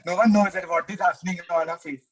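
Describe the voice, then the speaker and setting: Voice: medium pitch, fairly even intonation, fast talker, husky, recorded from a distance, low-quality recording. A participant answering a question in an online class over a video call, hesitant and laughing a little as they speak.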